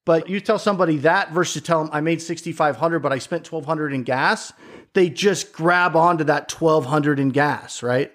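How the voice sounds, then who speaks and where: A man's voice: a little high, moderate pace, fairly bright tone. A middle-aged man in a casual chat who tells stories with energy, acts out other people's reactions and swears casually.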